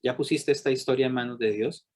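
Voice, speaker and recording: Man, psychologist, workshop teaching, animated, rhetorical questions, average pitch. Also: fast talker. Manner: acts out quoted people with raised voice.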